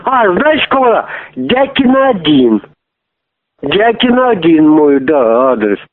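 A man's voice: fairly high pitch, big pitch swings, slow. A man making a crude prank phone call, pushy and rambling, swearing often as he keeps asking to meet. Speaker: prank caller. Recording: tinny phone line.

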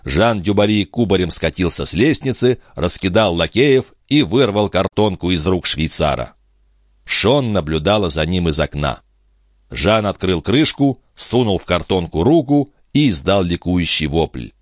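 Male narrator, low voice, very animated reading, dry studio. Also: a little slow, no room sound. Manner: expressive reading. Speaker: audiobook narrator. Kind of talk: scripted narration.

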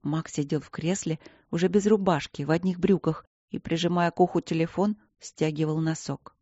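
A woman narrating an audiobook in the first person, calm and reflective. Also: low-pitched, normal speed, no room sound, muffled recording.

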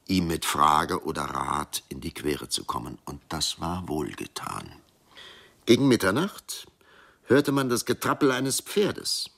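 A man's voice: a bass voice, creaky, sharp tone, husky. A man narrating a folk tale as a storyteller who speaks directly to his listeners.

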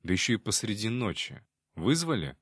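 A man reading an audiobook in calm, measured scripted narration. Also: on the low side, no room sound, clean studio sound.

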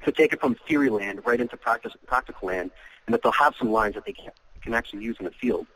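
A man speaking as a guest in a casual podcast chat, lively and playful as he gives examples. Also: medium pitch, fast talker, low-quality recording.

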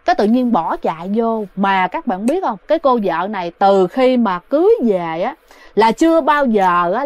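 A woman's voice: a little high, no echo. Chatty woman storyteller. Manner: chatty, addresses listeners directly. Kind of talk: casual ghost story narration.

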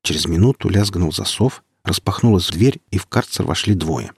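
A man reading an audiobook in a steady, measured way. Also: deep voice, breathy edge, no room sound, clean studio sound. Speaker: audiobook narrator. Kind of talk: audiobook narration.

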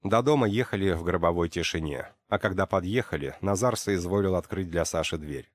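Deep-voiced male audiobook narrator. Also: brisk, no room sound. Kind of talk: scripted narration.

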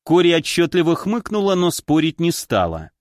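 A man reading a first-person audiobook aloud, with lively, wry storytelling. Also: a little high, moderate pace, no echo, clean studio sound. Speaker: audiobook narrator. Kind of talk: scripted first-person narration.

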